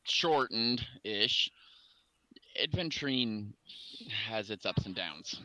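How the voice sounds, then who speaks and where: A man's voice: fairly low pitch, expressive, takes it slowly, pushed and bright, dry recording, rough recording. A man playing a tabletop role-playing game, chatting casually in and out of character.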